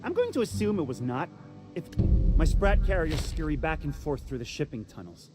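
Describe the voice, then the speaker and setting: A sly folksy drug runner boss. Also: male voice, a little high, big pitch swings, fairly quick, over music. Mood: sardonic. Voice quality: folksy, wheedling, old-timey slang.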